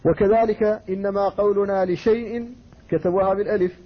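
Man, scholar from Mauritania, lecture, raised pitch, breathy edge, muffled lo-fi sound. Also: fairly even intonation. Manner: measured, explanatory, reciting quoted verses and poetry. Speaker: Islamic scholar teaching Quran recitation. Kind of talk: classroom lecture. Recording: dull lo-fi recording.

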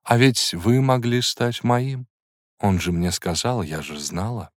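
A man's voice: mid-range voice, takes it slowly, no room sound, studio quality, voice pushed up, close to an everyday voice. A man reading an audiobook, voicing a proud, tormented woman in an emotional, intense manner. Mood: tense.

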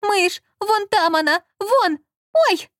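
A woman's voice: high voice, brisk, a little mellow, no room sound, studio quality, pitched above the performer's own voice, close to an everyday voice. A woman reading an audiobook and voicing a capricious, playful young woman who whines and teases. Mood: panicked. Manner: whiny, teasing, shrieks in fright. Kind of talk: audiobook character voice.

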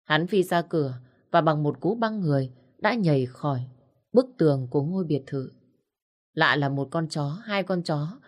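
Woman, low voice, storyteller, dramatic narration, measured, expressive.

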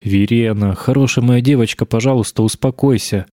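Man voicing a soft-spoken soothing lecturer. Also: mid-range voice, fairly quick, dry recording, clean studio sound, lightly acted. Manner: gentle, soothing, quiet. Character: male lecturer, soothing then strangely intent.

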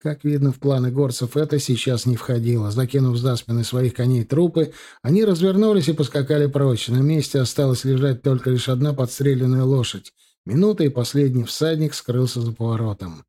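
A man narrating an audiobook in a measured, even way. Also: medium pitch.

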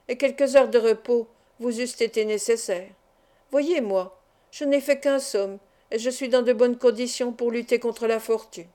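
A man's voice: extremely high pitch, darkish tone. A woman reading the part of an impudent, ironic male gambler who stays coolly confident, in a storybook narration.

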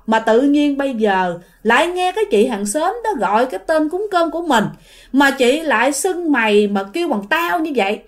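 A woman with a Southern Vietnamese accent telling a ghost story in a chatty way, speaking directly to her listeners. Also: sits high. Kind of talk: casual ghost story narration.

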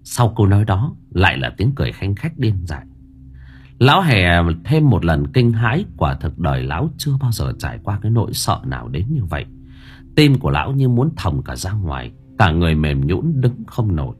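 A man's voice: low voice, sing-song, brisk, soft background music. A man narrating an audiobook story in a dramatic storytelling manner.

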